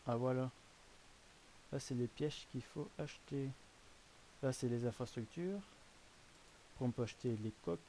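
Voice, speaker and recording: A man's voice: medium pitch, mellow, slight background noise. A man hosting casual gameplay commentary on a browser game, rambling and hesitant, often correcting himself. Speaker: host presenting a browser game.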